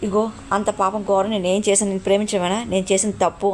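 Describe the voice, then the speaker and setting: Woman doing a sobbing young woman having it out with her guy, fast, flat. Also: mid-range voice, natural voice. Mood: accusing. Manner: weeping, accusing. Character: heartbroken young woman confronting her lover.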